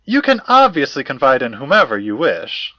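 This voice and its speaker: His medium-pitched voice swings hugely in pitch, moves at a moderate pace, and has a sharp tone, though the recording cuts off the highs. He's voicing a courteous, fussy academic investigator in an audio drama, speaking in a precise, wordy, formal, and measured way with old-fashioned politeness.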